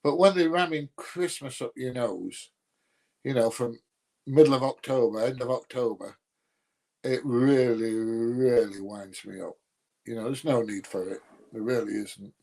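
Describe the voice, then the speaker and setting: He talks at a measured pace in a medium-pitched voice that is creaky and slightly mellow. A Nottinghamshire native with a Yorkshire-sounding accent, he runs a livestream, answering viewers' comments with casual bluntness and dry, grumbling humour.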